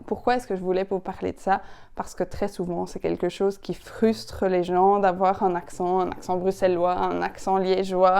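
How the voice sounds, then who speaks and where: A young woman with a Belgian French accent from the Ardennes, coaching viewers on public speaking in an energetic, emphatic way and repeating words for stress. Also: mid-range voice, clean tone. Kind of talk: direct-to-camera coaching video.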